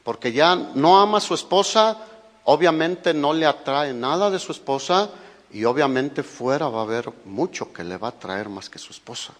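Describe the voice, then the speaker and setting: A man with a Mexican Spanish accent preaches as a pastor, his voice on the high side and expressive at a normal speed. He speaks emphatically, posing rhetorical questions to his listeners, and the hall recording has a noticeable echo.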